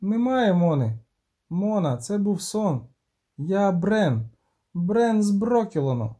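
A man's voice: sits high, sing-song, slow, warm tone, voice pushed up, heavily acted. A man voicing a young forest archer woman who speaks in a firm, clipped way.

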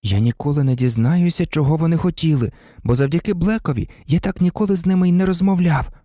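A man's voice: on the high side, fast talker, dark tone, no room sound, studio quality, pitched above the performer's own voice, close to an everyday voice. Man voicing a stubborn, brooding teenage boy. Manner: stubborn, grim.

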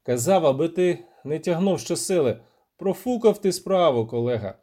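A man's voice: on the high side, animated, normal speed, dark tone. Geralt, a man voicing a curt, blunt monster hunter. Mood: dryly scolding. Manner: dry, scolding, blunt. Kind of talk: audiobook character voice.

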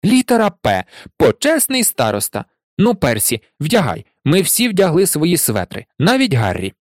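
A man voicing a cheeky teenage twin boy who teases loudly. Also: on the high side, huge pitch swings, normal speed, no room sound, clean studio sound. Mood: teasing. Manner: loud, teasing banter.

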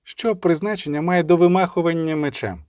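A man reading the part of a sharp-tongued young sorceress in an audiobook, with ironic, sarcastic delivery. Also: on the high side, fairly quick, dry recording, clean studio sound, voice pushed up, lightly acted.

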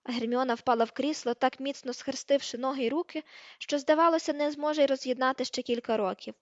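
High-voiced woman reading an audiobook. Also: quick pace, dry recording. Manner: steady, expressive reading. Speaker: audiobook reader. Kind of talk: storybook narration. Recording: slightly muffled dry audio.

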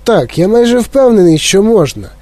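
A man voicing an eccentric, excitable older male chocolatier, fussy and indignant in an audiobook. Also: high voice, normal speed, no room sound, pitched above the performer's own voice. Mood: flustered. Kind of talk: audiobook character voice.

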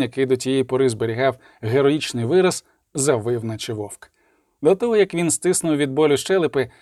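A man narrating a storybook with a measured, dramatic reading. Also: mid-range voice, a little mellow, no echo, studio quality. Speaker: audiobook narrator. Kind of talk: scripted audiobook narration.

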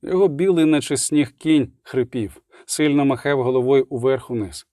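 A man reading an audiobook with steady, even storytelling. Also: mid-range voice, moderate pace, no room sound, studio quality. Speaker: audiobook narrator. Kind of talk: audiobook narration.

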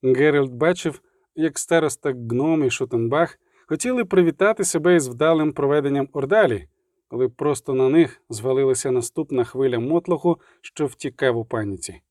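A man reading an audiobook in steady, expressive scripted narration. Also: mid-range voice, moderate pace, no echo, clean studio sound.

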